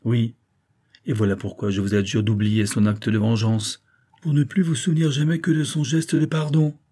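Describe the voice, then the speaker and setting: A man's voice: mid-range voice, fairly even intonation, normal speed, dark tone, natural voice. A man reading a novel aloud, voicing a devoted young daughter who pleads earnestly with her father. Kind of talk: audiobook character reading.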